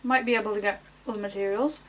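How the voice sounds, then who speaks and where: A woman with a slight lisp giving a casual, rambling how-to talk, unhurried and full of fillers. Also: mid-range voice, fairly even intonation. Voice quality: slight lisp from wearing false teeth. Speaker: cosplay tutorial maker.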